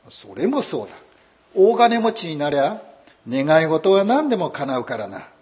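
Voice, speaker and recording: A man voicing a short-tempered old husband from a folk tale, gruff and barking. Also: on the high side, big pitch swings, moderate pace, darkish tone. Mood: pleased. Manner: gruff, barking when angry. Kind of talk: folk tale told in a sermon.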